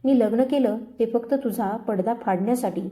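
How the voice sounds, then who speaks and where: A woman's voice: a little high, moderate pace, warm tone, lightly acted. A woman voicing a cold, vengeful young wife who speaks in a level, cutting tone.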